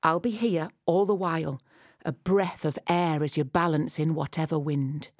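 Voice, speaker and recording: Low-voiced woman speaking intimately, right in your ear. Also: steady tone, darkish tone, no room sound, clean studio sound. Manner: measured, instructive, addressing the listener directly. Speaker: audio walk guide. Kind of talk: poetic scripted guided narration.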